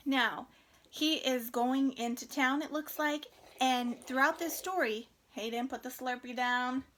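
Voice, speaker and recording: A woman teacher reading a picture book aloud to children in an online class. She talks in an animated, coaxing way and asks questions. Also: high-pitched, slow, a little hiss or hum. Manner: animated, coaxing, stops to scold gently. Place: home room. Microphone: computer for an online class.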